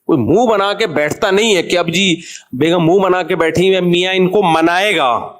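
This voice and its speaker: A man from Pakistan giving a humorous, conversational religious talk as a cleric. He jokes and speaks straight to his listeners. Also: high-pitched. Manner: chatty and joking, addresses listeners directly.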